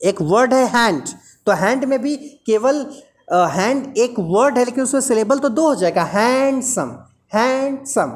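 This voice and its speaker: A woman's voice: a little high, animated, normal speed. A woman teaching an English lesson, explaining patiently and repeating example words aloud.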